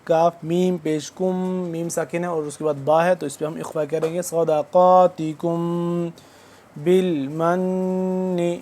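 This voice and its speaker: A man teaching recitation, his voice sitting a little high and staying level. He draws the recited words out slowly and then explains the pronunciation rules in brisk, even speech, close to the mic. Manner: alternates slow drawn-out recitation with quick spoken explanations. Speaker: Quran tajweed teacher. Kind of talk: word-by-word recitation lesson.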